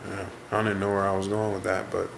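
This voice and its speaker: Fast-talking and monotone, with a low, gravelly voice, a vlogger in his twenties sounds congested as he vents reflectively to camera. He rambles, turns inward and hunts for words, with background noise behind him.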